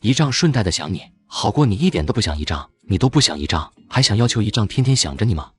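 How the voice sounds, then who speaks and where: A man playing a deep-voiced teasing uncle. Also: big pitch swings, fast talker, soft background music. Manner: playful teasing. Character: teasing young uncle, a rich company boss.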